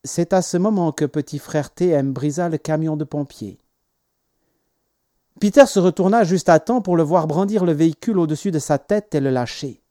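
A man reading stories aloud as an audiobook narrator, in a measured, expressive way. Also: on the high side, dry recording, studio quality. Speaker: audiobook reader. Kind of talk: scripted narration.

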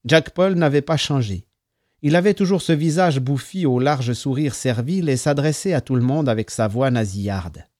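A man reading a story aloud as narrator, calm between the voices. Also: medium pitch, no room sound, clean studio sound. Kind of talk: audiobook narration.

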